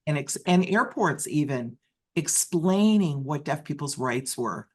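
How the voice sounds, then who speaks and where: In an expressive, medium-pitched voice, an interpreter tells a deaf speaker's personal story as though it were their own. The phrases are halting and packed with restarts and self-corrections.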